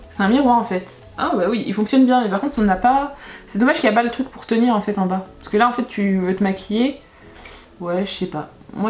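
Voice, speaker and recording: A woman's voice: fairly high pitch, reverberant. A young woman vlogger chatting casually through a makeup unboxing, often restarting and correcting herself mid-sentence. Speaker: beauty vlogger.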